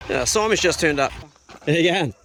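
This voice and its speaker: A man's voice: a little high, expressive, normal speed, low-quality recording. A man with a broad New Zealand accent chatting casually in a laid-back, matey, slangy way as he vlogs outdoors. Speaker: vlogger. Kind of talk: casual outdoor vlog chat and commentary. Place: outdoors on a farm and small boat. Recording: loud outdoor wind and boat noise.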